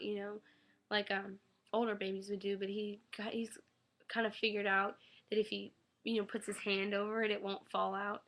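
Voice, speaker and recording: A young new-mother vlogger, getting over an illness, rambles casually on a webcam update about her newborn son, with many ums and baby-talk coos to her infant. Her medium-pitched voice is a little raspy with a sharp tone, picked up by a webcam mic.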